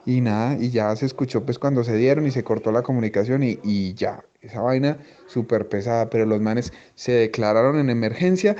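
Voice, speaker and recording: A man's voice: mid-range voice, brisk, few pauses, warm tone, highs cut off. A man, an airline pilot, casually retelling a story in crude slang.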